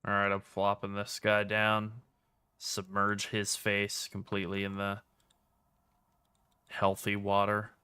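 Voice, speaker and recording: A man streaming a video game, chatting casually with dry, relaxed jokes. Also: fairly low pitch, slow, long pauses, smooth, dry recording. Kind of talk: casual gameplay commentary.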